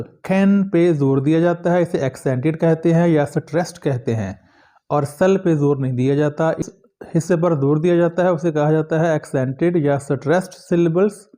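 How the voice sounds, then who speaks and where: A male teacher giving a recorded lecture to students, reading English passages slowly and then explaining each one. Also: on the high side, dark tone. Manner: addresses students directly.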